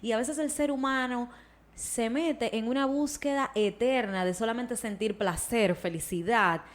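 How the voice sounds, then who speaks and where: A woman's voice: fairly high pitch, unhurried. Woman, psychologist guest, casual podcast talk, explanatory. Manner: explanatory, slips into acted quotes.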